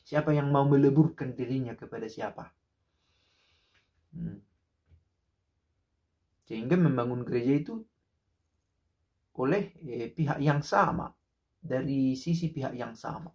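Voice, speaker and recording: Speaking at a measured pace with long pauses, a man in his thirties gives casual, reflective commentary to the camera, full of rhetorical questions, fillers and restarts. He's in a small indoor room by a window; his voice is medium-pitched and darkish, and the sound is lo-fi.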